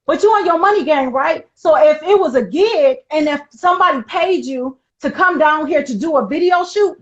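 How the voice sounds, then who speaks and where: A woman arguing with her cousin, insistent and repeating her questions over and over. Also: high-pitched. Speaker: cousin in a recorded dispute. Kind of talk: heated argument. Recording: dull lo-fi sound.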